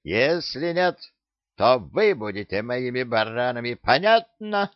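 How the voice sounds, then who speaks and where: A man voicing a cheeky, boastful male parrot who bullies the crew, with a shrill, cocky, bossy manner. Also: animated, measured pace, gravelly, no echo, lo-fi sound. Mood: bossy shouting.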